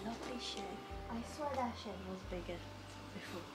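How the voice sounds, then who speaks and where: A woman's voice: mid-range voice, normal speed. A woman vlogger touring an empty house and garden, gushing and exclamatory as she walks the camera around. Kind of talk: casual house tour vlog. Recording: echoey rooms, far from mic, music behind.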